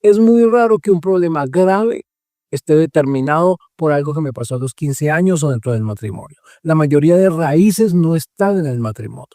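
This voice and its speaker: Man, radio host and psychologist, emphatic, rhetorical questions, slightly high voice, dry close sound. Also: animated, normal speed, dark tone, no room sound. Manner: acts out patients' voices in quotes. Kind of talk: radio talk on marriage therapy.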